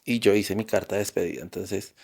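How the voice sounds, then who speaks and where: A man's voice: low-pitched, steady tone, a little fast, creaky, a little mellow. A Colombian man, a podcast guest, tells a personal story in a vivid, intense way with frequent restarts. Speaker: interview guest.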